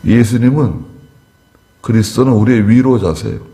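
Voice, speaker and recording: A man's voice: medium pitch, normal speed, mellow. A middle-aged male pastor preaching in a conversational way, acting out everyday dialogue to make his points. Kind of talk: sermon.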